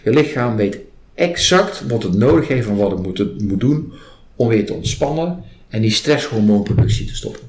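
A man's voice: medium pitch, lively intonation, normal speed, darkish tone. A man being interviewed as a trainer, explaining his method in conversational talk with acted-out example questions. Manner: acts out example questions and client remarks while explaining. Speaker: trainer in a body-based stress release method, interviewed. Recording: roomy echo, clear background noise.

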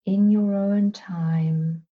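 A woman guiding a healing meditation in a soft, soothing voice, sometimes whispering her breath cues. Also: mid-range voice, steady tone, extremely slow, phone-quality sound. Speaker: meditation guide.

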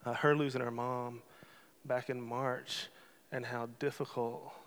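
A middle-aged man speaking at a church gathering in an earnest, emotional, personal way. His voice stays fairly even in pitch. The sound carries a long reverb from the sanctuary. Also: measured pace. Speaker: church speaker closing a testimony service. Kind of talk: heartfelt church talk.

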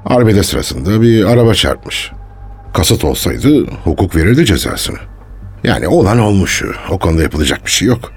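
A defensive, touchy archaeologist in a radio play. His pitch swings widely and his tone is husky, with faint music underneath. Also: very animated, exaggerated voice. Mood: guarded. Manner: guarded, quick to take offence. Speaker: suspect being questioned. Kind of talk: radio drama acting.

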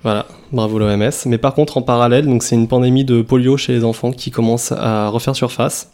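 A man co-hosting a casual news podcast, explaining in a relaxed way with repeated words. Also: mid-range voice, a little fast. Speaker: podcast co-host.

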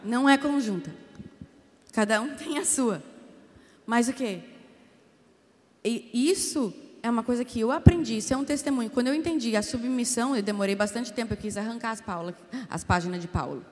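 Female preacher, 30s, Brazilian accent; higher voice, animated testimony style, hall reverb. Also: a little fast. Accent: Brazilian Portuguese. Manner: animated storytelling, quoting her husband, jokey asides to the audience. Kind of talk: sermon with personal testimony.

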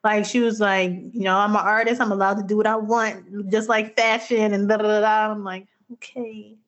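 A woman co-hosting a casual music chat, chatty and quick to laugh, acting out what others said. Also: mid-range voice, level tone, dull audio. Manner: chatty, laughs often, acts out quotes. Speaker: podcast co-host.

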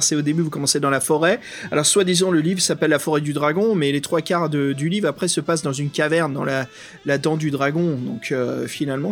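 A man hosting a podcast, griping animatedly with swearing and laughter, and reading passages aloud from a book. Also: a little high. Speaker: podcast host. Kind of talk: casual chat and reading aloud.

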